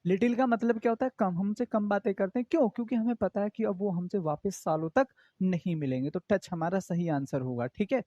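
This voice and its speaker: A man's voice: sits high, a little fast, dark tone, dry recording, lo-fi sound. A man teaching an exam-prep English grammar class, explaining in with English terms and asking his students questions again and again.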